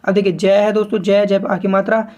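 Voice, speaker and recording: A man teaching shorthand step by step, spelling out sounds slowly and repeating each word, often addressing viewers as friends. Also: high voice, level tone, a little mellow, highs cut off. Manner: slow and repetitive, spelling out sounds piece by piece and calling viewers "friends". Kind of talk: step-by-step tutorial explanation.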